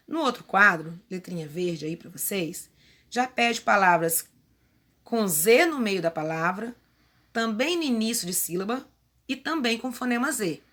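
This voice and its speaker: A woman's voice: mid-range voice, a bit bright. A female primary school teacher from Brazil patiently going through workbook exercises step by step in a remote lesson. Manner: patient, explains step by step with diminutives.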